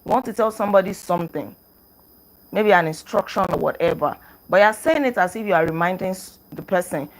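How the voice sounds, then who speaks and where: A woman's voice: lowish voice, brisk, low-quality recording. A woman host reviewing a self-help book in a casual teaching talk. She is earnest, repeats her points and often checks in with a questioning "right?". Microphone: clip-on microphone.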